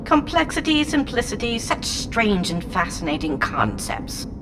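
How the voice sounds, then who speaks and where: In a full-cast audio drama, a woman voices an ancient, whimsical and haughty alien entity housed in a small robot, speaking in theatrical, rambling, pompous riddles with a whimsical, musing mood. Her voice is on the high side with wildly swooping pitch and a measured pace. Music plays behind her, the audio is poor, and a clear noise bed sits under the voice.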